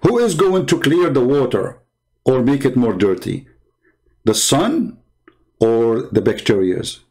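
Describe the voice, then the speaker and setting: A man's voice: mid-range voice, big pitch swings, slow, darkish tone. A man hosting a channel and giving polemical commentary in non-native English, mocking and sarcastic, trading insults. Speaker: channel host and religious debater.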